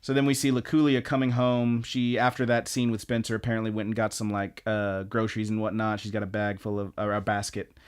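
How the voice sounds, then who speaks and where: A man's voice: on the low side, brisk, smooth. Rambling man recapping anime episodes. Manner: rambling and animated, jumps into excited voices for quoted lines. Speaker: podcast co-host.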